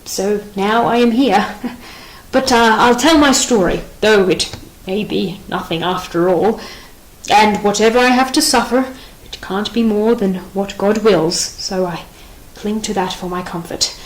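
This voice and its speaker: A woman reading the part of a nervous, rambling male soldier in an audiobook play, anxious and excitable in manner. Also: mid-range voice, measured pace, natural voice, low-quality recording.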